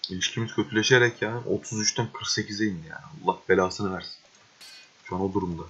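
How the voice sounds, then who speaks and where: A young man talks over his gameplay in a low, husky voice. He swears often, gets exasperated and breaks into excitable outbursts. The recording sounds dull and lo-fi. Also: fast talker. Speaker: gaming video host. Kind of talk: casual gameplay commentary.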